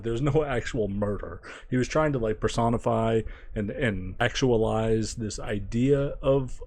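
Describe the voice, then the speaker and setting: A man giving a casual spoken album review, thinking aloud, restarting phrases and trailing off quietly. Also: medium pitch, a little hiss or hum. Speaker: music reviewer.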